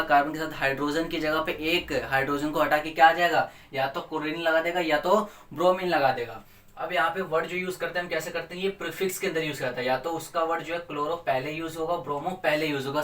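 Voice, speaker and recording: Echoey, playful Hindi chemistry teacher. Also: male voice, a little high, a bit bright, a little hiss or hum. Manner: playful, asks and answers his own questions. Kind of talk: chemistry revision lesson. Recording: echoey room, mic at a distance.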